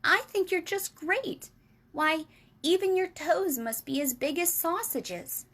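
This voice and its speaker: A woman's voice: takes it slowly, heavily acted. A woman doing a curious, earnest little girl. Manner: eager, questioning, high and bright.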